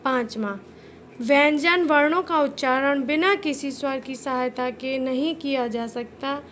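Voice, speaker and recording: Woman teacher with a Hindi accent, high voice, unhurried lesson delivery, faint hiss under the recording. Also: fairly bright tone. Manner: slow, careful, drawn-out sounding of letters, addresses listeners as "beta". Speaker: school teacher. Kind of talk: recorded Hindi grammar lesson for young children.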